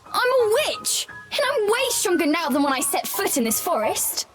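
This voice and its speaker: A woman's voice: very high voice, very animated, moderate pace, loud music behind the voice. A woman voicing a young girl witch, earnest and a little shy, in a storybook game.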